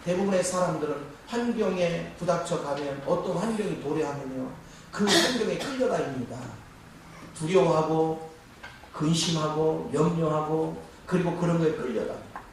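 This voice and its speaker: A man's voice: on the high side, normal speed, far from the mic, slight background noise. A man preaching a sermon to his congregation, asking rhetorical questions as he goes. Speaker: pastor. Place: church sanctuary. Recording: echoey church hall, mic from afar.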